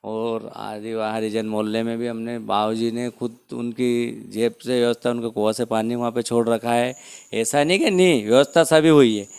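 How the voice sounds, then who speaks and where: A man's voice: mid-range voice, steady tone, moderate pace, darkish tone, clear, resonant tone. A man, a village head defending himself in an interview, insisting on his point with repeated rhetorical questions.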